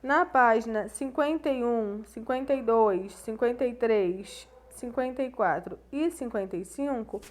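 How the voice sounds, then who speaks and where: A woman's voice: fairly high pitch, measured pace, few pauses. A woman teacher giving a recorded grammar lesson, patiently explaining step by step to her students.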